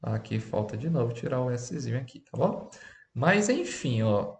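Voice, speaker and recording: Brazilian man, English teacher, lively intonation, chatty, checks in with class, echoey room. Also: medium pitch, moderate pace, creaky. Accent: Brazilian Portuguese. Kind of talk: teaching a lesson.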